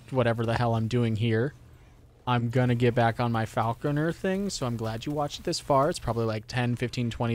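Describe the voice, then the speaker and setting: A young man streams a game with a sore throat. He chats casually at an everyday middle pitch, swearing and rambling between comments aimed at himself and the game. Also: a little mellow. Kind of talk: casual live gameplay commentary.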